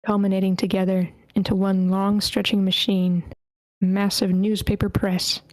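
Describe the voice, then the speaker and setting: A woman reads scene directions aloud at a script table read, at a steady pace. She sometimes trips over character names. Her voice sits at a middle pitch and stays flat and even, recorded close and dry. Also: normal speed, no room sound. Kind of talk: reading screenplay action lines aloud. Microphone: computer mic in an online meeting.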